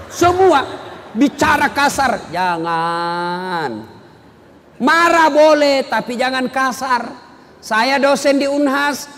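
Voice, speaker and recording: A man with a Makassar accent giving a humorous sermon, lively and acting out little dialogues with different voices. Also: very high-pitched. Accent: Makassar Indonesian. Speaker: preacher and university lecturer. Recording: hall reverb, faint noise.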